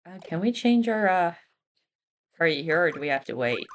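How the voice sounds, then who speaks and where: A woman's voice: lowish voice, big pitch swings, moderate pace. A woman streaming a game, chatting casually and reading character profiles aloud.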